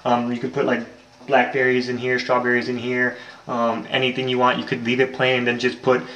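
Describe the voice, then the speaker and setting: A young man with a mid-range, monotone, slightly bright voice talks fairly quickly through a home recipe in his kitchen. This home cooking vlogger rambles casually with lots of ums, recorded on a handheld camera mic in an echoey kitchen with faint noise.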